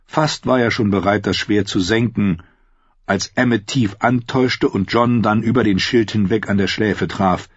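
A man narrating an audiobook in a steady, measured storytelling voice, recorded close on a slightly dull lo-fi recording. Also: on the low side, husky, dry recording.

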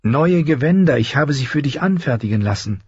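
Dani, a man voicing a soft, timid young princess. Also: medium pitch, lively intonation, brisk, breathy edge, no room sound, voice pushed up. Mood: pleading. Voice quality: soft and pleading. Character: gentle young princess, timid but earnest. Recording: slightly dull recording.

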